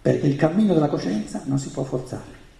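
A man's voice: on the high side, fairly quick, gravelly, warm tone. A man, a native German speaker with a German accent in Italian, giving an emphatic spiritual lecture full of repetition and rhetorical questions. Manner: emphatic, repeats phrases and poses rhetorical questions. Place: indoor room with an audience. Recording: roomy, echoing live talk.

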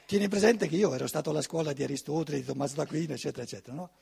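An older man giving a conference talk in a lecture hall, animated and conversational, often asking his audience rhetorical questions. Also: fairly high pitch, rapid-fire, gravelly, breathy edge.

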